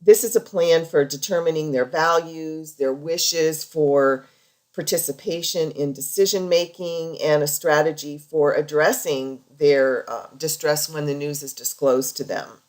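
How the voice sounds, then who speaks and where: A woman's voice: deep voice, a little slow, darkish tone. A woman lecturing over slides in an informal, conversational and explanatory way, as a healthcare practitioner teaching.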